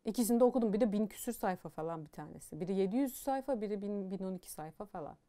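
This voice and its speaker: Young woman, casual book reviewer, frank and animated, mellow warm tone, mid-range pitch. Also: racing. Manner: animated, frank and opinionated, with many fillers.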